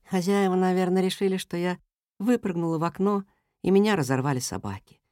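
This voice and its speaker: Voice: mid-range voice, fairly quick, dry recording, studio quality, natural voice. Мама-кошка из детской аудиокниги, ласковая, мягкая, тихая, чтец изображает. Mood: wistful. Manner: soft and tender. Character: gentle slender mother cat, tender and brave. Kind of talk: storybook reading.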